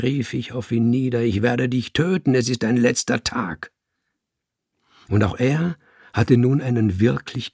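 A man reading a first-person story aloud in slow, measured audiobook narration. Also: mid-range voice, creaky, darkish tone, husky, no room sound, studio quality.

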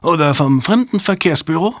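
A man's voice: a little high, animated, moderate pace, a bit bright, no echo, voice pushed up. Old man, French-Canadian travel writer, defiant and raised, voiced by a man, dry audiobook read. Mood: indignant.

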